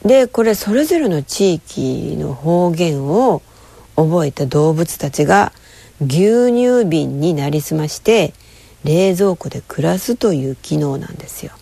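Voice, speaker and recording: A woman chatting casually to camera, rambling and telling a story with lively, acted-out quoted voices. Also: deep voice, a little slow, creaky, breathy edge, dry recording. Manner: lively, rambling, with frequent fillers.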